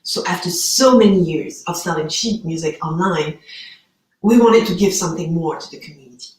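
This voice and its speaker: A woman reading a scripted pitch for a promo video in a slow, measured way. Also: a little mellow, recorded from a distance. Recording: echoey room, off-mic.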